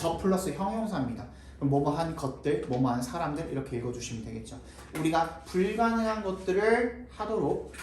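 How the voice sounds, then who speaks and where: Roomy classroom English tutor, man. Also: fairly high pitch. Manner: explains patiently, checks in with students often. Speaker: high school English tutor. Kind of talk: classroom grammar lesson. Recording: roomy, mic far off, faint noise.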